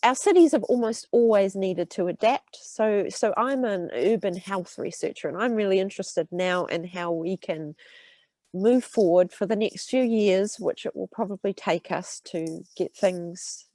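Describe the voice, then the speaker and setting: A slightly slow, mid-range voice on a dry recording belongs to a New Zealand woman in her thirties who works in urban health research. Stuffy with a cold, she talks to students warmly, with plenty of ums and restarts.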